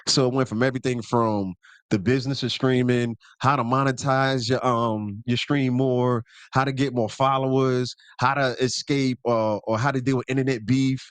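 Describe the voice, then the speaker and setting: Relaxed podcast guy, slangy, lots of ums, dry close mic. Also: mid-range voice, moderate pace, clean tone, no echo. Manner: laid-back, loose slang, many fillers and self-corrections. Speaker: podcast co-host. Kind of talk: casual chat.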